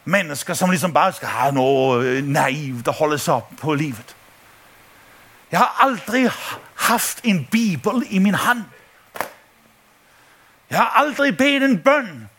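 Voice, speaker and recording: Animated high-voiced male preacher. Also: pauses often, a little hiss or hum. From Denmark. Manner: animated, acts out voices in his stories, laughing often. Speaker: pastor. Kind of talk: sermon with storytelling.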